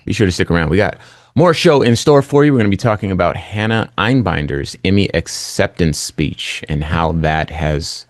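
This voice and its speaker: A man's voice: low-pitched, animated, moderate pace, no echo. A man hosting a talk show from a studio in a conversational radio style, introducing segments. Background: music.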